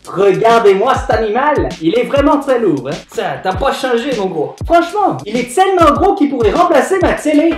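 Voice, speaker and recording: A man putting on a put-on Québécois accent as a greedy, excitable young Canadian guy in a comic food-tasting vlog, loud and theatrical. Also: very high voice, moderate pace, hardly any pauses. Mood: gleeful. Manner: loud, theatrical, shrieking exclamations. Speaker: YouTuber doing food challenges. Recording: echoey room, faint background music.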